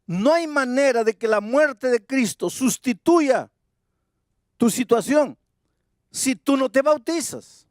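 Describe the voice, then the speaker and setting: A man's voice: very high voice, expressive, slow pace, no room sound, studio quality. A male pastor preaching an evangelistic sermon in an emphatic way, repeating his key phrases.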